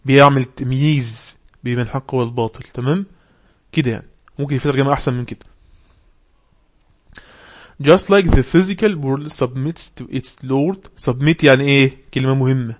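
A man with an Egyptian Arabic accent, teaching a class. He reads English lines slowly and deliberately, then explains them in quick Arabic and quizzes his students. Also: mid-range voice. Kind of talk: online English lesson on religious text.

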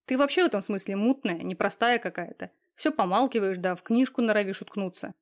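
A woman's voice: medium pitch, fairly quick, close to an everyday voice. A woman voicing a smug, cold, lazy young man in an audiobook, talking in an offhand, sneering way with coarse slang. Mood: scornful. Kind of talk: audiobook reading.

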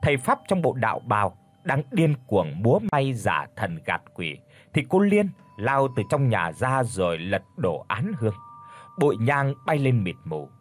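A man narrating a folk ghost story in a dramatic, expressive way. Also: medium pitch, measured pace.

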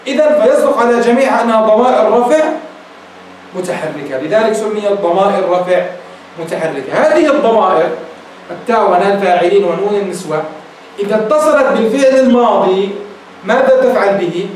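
A man with a high voice delivers a classroom grammar lecture as a sheikh. He poses rhetorical questions and repeats each example slowly. His voice is heard from a distance in a very echoey room. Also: expressive, darkish tone, a little hiss or hum. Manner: addresses listeners as "beloved ones". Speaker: sheikh teaching Arabic grammar.

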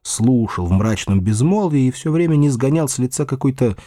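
A man reading a classic novel aloud as narrator, measured and expressive. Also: medium pitch, no room sound, studio quality. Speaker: audiobook narrator. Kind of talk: scripted literary narration.

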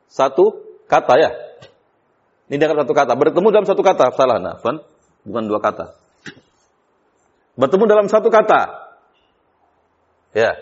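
A man's voice: a little high, slightly rough. Male teacher explaining recitation rules, lo-fi. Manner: explains step by step, quizzing students with questions; breaks into chanted recitation of examples. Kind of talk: classroom tajwid lesson. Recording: dull lo-fi class recording.

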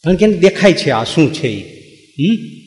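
A man's voice: fairly high pitch, sing-song, normal speed, roomy sound, in a large hall. A man giving a devotional sermon to a gathering, full of rhetorical questions and teasing asides. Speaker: religious discourse speaker.

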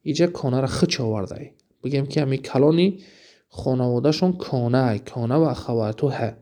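A man with a Tajik-inflected Persian accent teaching Arabic grammar from a textbook, reading examples slowly and then explaining them quickly, often asking the listener questions. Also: medium pitch, warm tone. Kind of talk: recorded lesson explaining a textbook.

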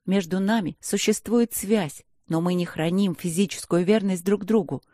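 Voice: medium pitch, normal speed, dark tone, no echo, studio quality, lightly acted. A narrator voicing a young, proud female werepanther student in a fantasy audiobook, sassy and indignant. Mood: earnest. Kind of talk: audiobook character voice.

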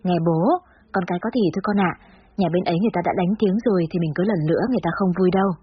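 A woman's voice: on the low side, very fast, husky, no echo, highs cut off. A woman voicing an aging father who speaks tenderly and soothingly in a story reading. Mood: consoling. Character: gentle aging father, consoling and soft-spoken.

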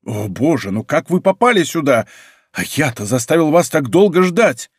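A man's voice: a little high, very animated, moderate pace, husky, dry recording, studio quality. A man reading a lovesick nobleman minister in an audiobook, pleading and impassioned.

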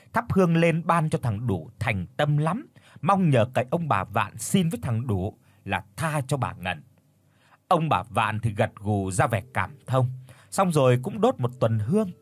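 A man narrating a ghost story in an expressive, dramatic way. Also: mid-range voice, breathy edge. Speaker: audiobook narrator.

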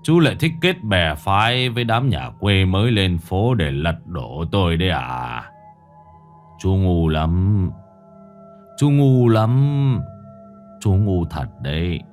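A cold, menacing crime boss, as a male storyteller puts him on, dragging out each word in a low, rasping sneer. The pitch swings widely, and faint music plays behind him in this spoken horror story. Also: very animated, a little slow.

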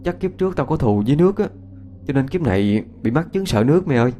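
A man's voice: medium pitch, lively intonation, quick pace, mellow, a little hiss or hum, voice pushed up, close to an everyday voice. A man voicing a frightened young village kid who stammers and pleads through tears. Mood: nervous. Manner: shaky, stammering, tearful pleading.

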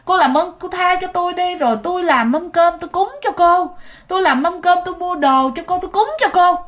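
A woman's voice: extremely high pitch, moderate pace, voice pushed up. A woman voicing a terrified man begging a ghost for mercy, speaking with a Southern Vietnamese accent. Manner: pleading, frantic.

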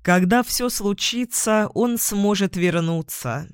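A narrator voicing a calm, mysterious male demon who speaks slowly and soothingly, in a dry close recording. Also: mid-range voice, smooth, no echo.

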